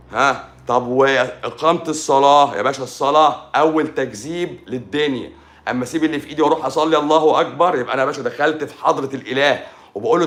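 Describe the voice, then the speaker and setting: A man's voice: medium pitch, a bit bright. A man with an Egyptian Arabic accent giving an informal livestream talk on faith and philosophy, colloquial and repetitive, often calling the listener "pasha".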